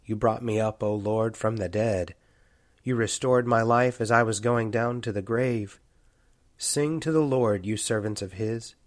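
A male priest reading psalms and introducing the readings in a calm, steady way. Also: fairly low pitch, a little slow, no echo, studio quality. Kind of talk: scripture reading.

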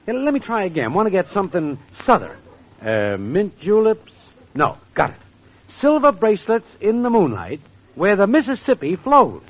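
A man playing a brash, wisecracking young schemer writing a song, with a husky voice, in 1940s radio comedy style, on a dull old recording. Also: high voice, huge pitch swings, normal speed, full character voice. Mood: scheming. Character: fast-talking male songwriting schemer.

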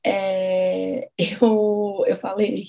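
A woman's voice: medium pitch, flat delivery, drawn-out words, creaky, dark tone. A Brazilian woman co-hosting a podcast, talking in a rambling, emotional way with nervous laughs. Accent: Brazilian Portuguese. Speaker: podcast co-host. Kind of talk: casual conversation.

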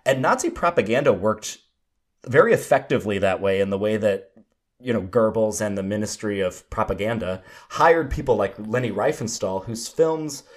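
A man's voice: on the low side, lively intonation, moderate pace. A man co-hosting a film podcast, breaking down a movie in casual, analytical talk and passing the floor to his co-host. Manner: analytical, hands off to co-host by name.

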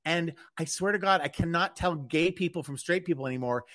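A man's voice: on the high side, fairly quick, a bit bright. A man hosting a radio show in casual chat, talking in a hesitant, wry and self-deprecating way.

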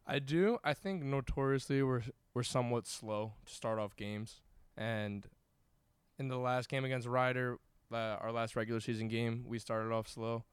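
A young American man with a clean, smooth voice of average pitch gives casual interview answers as a college athlete. The locker-room recording is dry and close-sounding. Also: steady tone, normal speed, dry recording. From New York. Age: young adult. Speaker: college soccer goalkeeper being interviewed. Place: indoors in a team locker room.

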